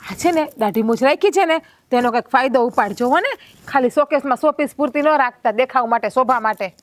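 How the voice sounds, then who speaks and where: A woman playing a sharp-tongued village wife who taunts her husband in a family drama. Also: high voice, brisk, lightly acted. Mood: taunting.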